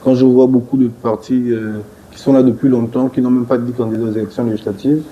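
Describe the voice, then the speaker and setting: A party leader from Gabon fields pointed questions in a political TV interview, assertive and growing more emphatic as he argues. He talks fast in a mid-range voice with little pitch variation, on lo-fi audio with slight hiss or hum.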